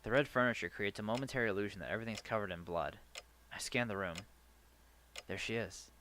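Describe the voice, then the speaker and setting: A man's voice: on the low side, quick pace, a little hiss or hum. A man hosting a let's play, reading a visual novel's first-person narration aloud with the occasional stumble. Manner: earnest first-person narration with a lively delivery and some stumbles. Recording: faint game music behind.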